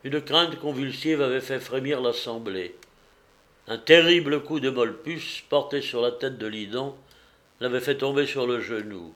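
A man reading a historical novel aloud in a measured storytelling manner. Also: mid-range voice, fairly bright tone. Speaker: narrator.

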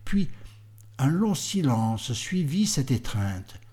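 A man narrating a literary audiobook in a measured, unhurried manner. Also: medium pitch, big pitch swings, dark tone, breathy edge.

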